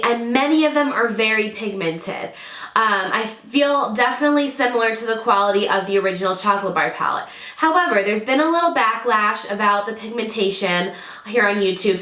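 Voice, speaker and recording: Reviewing beauty products at home, a woman in her thirties speaks to camera in a bright, somewhat high voice. She's chatty and eager, slightly nasal from a cold she's recovering from, and emphasizes words by saying them twice, all in an echoey indoor room with drawer units.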